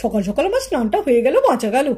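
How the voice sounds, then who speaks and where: A woman's voice: high voice, sing-song, rapid-fire, mellow, slightly rough, voice pushed down, heavily acted. A woman voicing a cheerful young boy doll in a puppet cartoon, chirpy and boastful.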